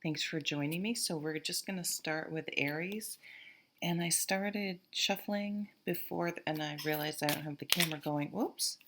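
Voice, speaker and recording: A woman with a Vermont accent reading tarot casually to camera, halting and rambling as she thinks aloud. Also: low voice, fairly bright tone, a little hiss or hum. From Vermont, USA. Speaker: tarot reader, host.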